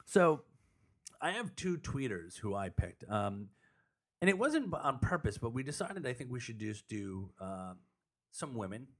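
A man's voice: medium pitch, very animated, unhurried, a bit bright. Male co-host, casual and jokey, frequent laughter, loose swearing, ordinary mid-range voice. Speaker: podcast co-host. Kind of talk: casual chat. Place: apartment.

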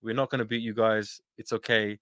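A man's voice: lowish voice, level tone, a little fast, a bit bright, no echo. A man talking casually as a podcast guest, repeating and rephrasing as he goes and acting out bits of what people said. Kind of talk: casual conversation.

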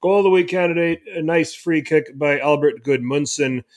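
A man's voice: fairly high pitch, moderate pace. A man hosting a casual football podcast, recapping matches with lots of fillers and restarts. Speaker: podcast host.

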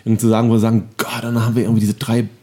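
A man's voice: lowish voice, monotone, racing, warm tone. A man co-hosting a podcast, musing thoughtfully in casual chat. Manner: reflective, thoughtful rambling. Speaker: podcast co-host.

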